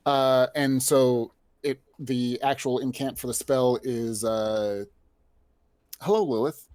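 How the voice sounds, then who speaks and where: Guy at a tabletop game talking as his cleric, measured and polite, dry close sound. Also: medium pitch, flat delivery, a little mellow, clear, resonant tone, dry recording. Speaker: player.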